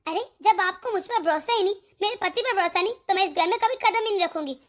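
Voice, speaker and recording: A woman's voice: very high voice, fast talker. A woman voicing a stubborn, indignant young married woman in a cartoon. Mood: defiant. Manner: indignant, complaining. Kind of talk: cartoon voice acting.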